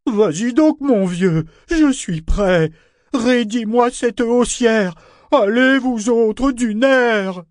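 A man voicing an impatient, hot-tempered male living ship who shouts and blusters. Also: very high-pitched, animated, takes it slowly, dry recording, clean studio sound, voice pushed up, heavily acted. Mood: furious. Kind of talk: audiobook character reading.

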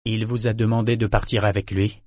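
A man's voice: on the low side, little pitch movement, a little fast, a little mellow, no room sound, studio quality, close to an everyday voice. A man voicing a blunt, sardonic male sailor in an audiobook, mocking and needling in his delivery. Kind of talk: audiobook character voice.

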